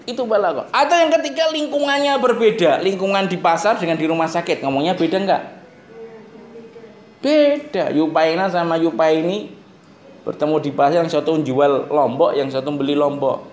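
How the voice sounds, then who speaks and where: A man with a Javanese accent teaching a class, joking and quizzing his students with quick questions. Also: on the high side, lively intonation. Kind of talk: classroom lecture. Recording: roomy classroom echo, faint noise.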